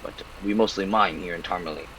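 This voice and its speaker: A man voicing a male half-orc town speaker who addresses adventurers in stiff, formal speech with a gruff edge. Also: deep voice, quick pace, background noise, voice pushed down, lightly acted. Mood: courteous.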